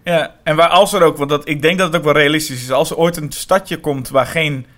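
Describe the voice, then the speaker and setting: Chatty man with a higher voice. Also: steady tone, brisk, fairly bright tone. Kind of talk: casual film discussion.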